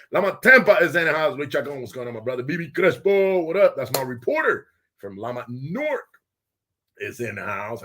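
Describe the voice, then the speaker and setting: A man hosting a casual live show from a small studio with guests, loud and excitable, often laughing. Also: medium pitch. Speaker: host.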